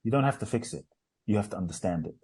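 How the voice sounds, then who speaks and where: A man's voice: fairly low pitch, lively intonation, fast talker, darkish tone, husky. Emphatic man giving motivational talk. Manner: emphatic, repeats phrases in lists. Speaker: guest speaker. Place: radio show studio.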